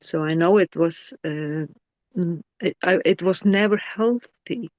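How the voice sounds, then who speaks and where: A middle-aged woman from Iceland, telling her personal story as an interview guest, halting with many fillers and restarts and grammar. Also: lowish voice, a little mellow, no room sound. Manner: non-native English grammar. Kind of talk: personal testimony. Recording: dull lo-fi dry audio.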